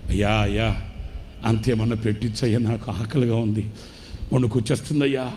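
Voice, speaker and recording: A man's voice: on the low side, fairly even intonation, normal speed, a little mellow, a little hiss or hum, close to an everyday voice. A man voicing a starving elderly retired man who weeps and begs for food in a trembling voice. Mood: tearful pleading. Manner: weeping, begging, trembling voice.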